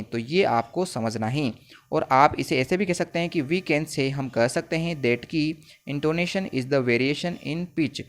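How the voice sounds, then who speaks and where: Guy teaching exam answers, slightly high voice, slow on the english bits. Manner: reads English phrases slowly, then explains in Hindi. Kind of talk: exam paper lesson explaining answers.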